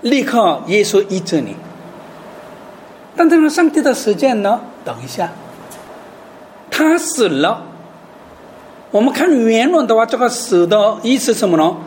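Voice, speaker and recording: Woman preacher, kinda high voice, bouncy, asks the crowd questions a lot. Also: measured pace, pauses often, a little hiss or hum. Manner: animated, asks rhetorical questions, mixes in English words. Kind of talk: sermon.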